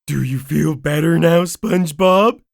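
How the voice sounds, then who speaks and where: A woman voicing Patrick, a dim-witted, friendly male starfish who talks loudly and slowly. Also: low voice, gravelly, background noise, pitched above the performer's own voice. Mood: dopey, loud.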